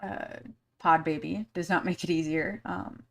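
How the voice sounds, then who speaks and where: A woman with a low, deep-set voice talks casually on her podcast live stream. She is candid and blunt, swears freely, and rambles with many fillers between her thoughts. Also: fairly even intonation, a little slow, gravelly. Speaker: podcast host.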